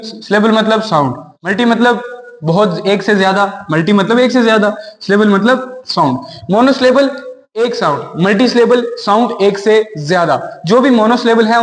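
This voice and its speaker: A man teaching English grammar in a classroom lesson, explaining step by step and asking rhetorical questions. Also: sits high. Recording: echoey room with long reverb.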